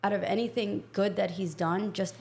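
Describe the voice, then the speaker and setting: A woman's voice: medium pitch, steady tone, creaky, a little mellow. A woman from Egypt, a podcast guest, speaking frankly and with firm opinions in casual conversation. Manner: frank, opinionated, talks in quick bursts.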